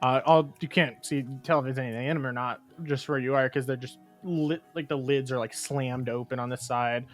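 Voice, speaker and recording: A man's voice: mid-range voice, steady tone, a little fast, hardly any pauses, faint music behind. A man narrating as game master of a tabletop game, loose and rambling, often laughing.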